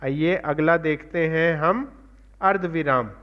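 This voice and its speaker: A man teaching a classroom grammar lesson, explaining slowly and repeating his examples. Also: on the high side. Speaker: assistant professor and teacher. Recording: dull lo-fi recording.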